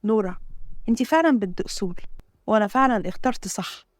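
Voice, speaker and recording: A woman voicing a gentle, teasing young husband, speaking with an Egyptian Arabic accent. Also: mid-range voice, lively intonation, quick pace, no echo, studio quality, lightly acted. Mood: tender. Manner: coaxing, playful.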